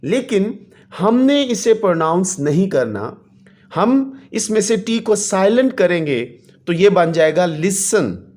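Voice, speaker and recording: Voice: mid-range voice, big pitch swings, measured pace, a little mellow. A teacher explains an English lesson to children, reading each English line aloud and then translating it, with polite fillers. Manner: patient, addresses children, adds polite fillers.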